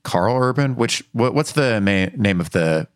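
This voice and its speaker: Deep-voiced male podcast host. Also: a little slow, no room sound, clean studio sound. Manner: relaxed, joking, signs off the show. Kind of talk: casual chat.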